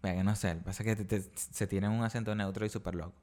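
A man's voice: fairly low pitch, steady tone, racing, darkish tone. A young man with a Venezuelan accent, hosting a podcast in casual chat, slangy and repeating himself. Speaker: podcast host.

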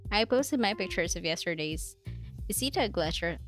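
A woman's voice: on the low side, animated, moderate pace, fairly bright tone, faint music behind. A young woman reads her diary entries aloud in a casual chat, breaking off for giggles and self-mocking asides. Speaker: vlogger reading her diary.

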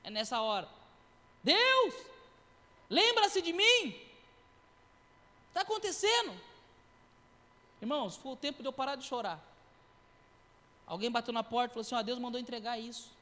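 High-voiced man preaching in a reverberant hall. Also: fast talker. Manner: animated storytelling with acted quotes and sound effects. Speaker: preacher giving a testimony. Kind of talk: sermon testimony. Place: church.

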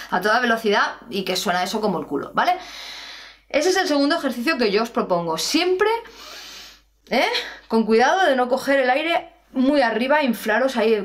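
Female vocal coach, animated higher voice, chatty and demonstrative. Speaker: singing teacher. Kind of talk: casual singing lesson.

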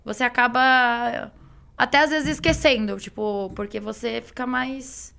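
A woman's voice: a little high, steady tone, a little slow, vocal fry, bright, forceful tone, smooth. A young woman with a Brazilian Portuguese accent, chatting informally as a guest who streams games. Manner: informal, conversational. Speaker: guest, live game streamer. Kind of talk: casual chat.

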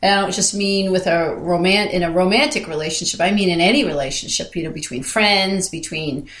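A woman co-hosting a podcast in casual, reflective conversation, speaking thoughtfully and haltingly, often repeating her phrases. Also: lowish voice, a bit bright. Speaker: podcast co-host. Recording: roomy, echoey sound.

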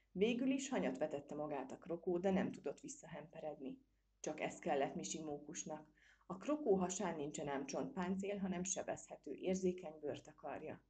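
A woman narrating a children's storybook with lively, expressive reading. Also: sits low. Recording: dull lo-fi recording.

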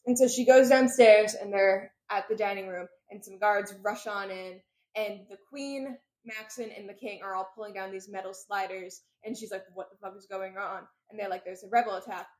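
Woman, casual podcast chat, story recap, filler-heavy, mid pitch. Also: steady tone, a little mellow. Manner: retells scenes with quick quoted voices, lots of fillers. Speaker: podcast co-host recapping a book.

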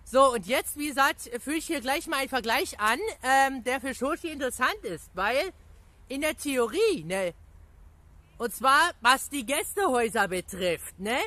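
Gaming YouTuber, casual reply video: high, very animated voice, chatty and rambling. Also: normal speed, no echo. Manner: rambling, chatty, repeats catchphrases and fillers; excitable, laughs often. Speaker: gaming YouTuber answering viewer questions.

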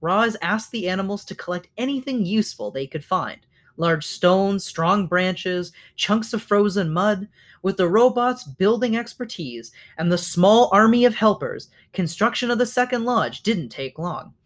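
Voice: medium pitch, lively intonation, measured pace. A reader reading a children's novel aloud, now and then stopping to correct slips.

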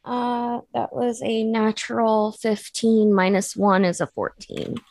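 A woman's voice: on the high side, steady tone, slow, darkish tone, dry recording. A woman playing a tabletop game, talking casually as she role-plays in her own voice. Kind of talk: casual in-character role-play.

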